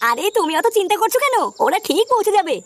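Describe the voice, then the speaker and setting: A woman's voice: very high-pitched, very animated, quick pace. A woman voicing a nagging, bickering middle-aged mother in a Bengali cartoon. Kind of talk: cartoon voice acting. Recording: cartoon dub with music behind.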